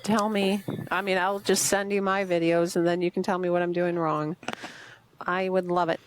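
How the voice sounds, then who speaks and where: A woman's voice: on the low side, little pitch movement, normal speed, a little hiss or hum, poor audio. A woman co-hosting a podcast in casual chat, joking and laughing often. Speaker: podcast co-host.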